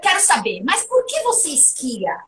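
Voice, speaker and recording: A woman giving a private English lesson, lively and playful as she runs question drills. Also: sits high, normal speed, far from the mic. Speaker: English teacher.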